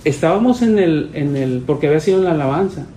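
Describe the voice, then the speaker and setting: A man, a pastor teaching his church in a relaxed, storytelling way. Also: a little high, fast talker, a little hiss or hum, low-quality recording. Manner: conversational, storytelling, voices quoted people.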